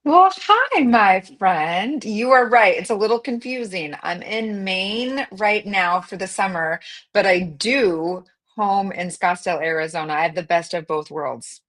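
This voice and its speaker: A woman co-hosting a webcast, a grief and trauma specialist speaking earnestly with soft fillers. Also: medium pitch, lively intonation, measured pace. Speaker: co-host, trauma therapist. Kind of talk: conversational interview.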